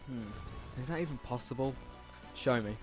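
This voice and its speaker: In a mid-range voice at a moderate pace, a man casually reads a visual novel aloud for a let's play. Game music runs behind him, and his narration comes with asides and the odd stumble.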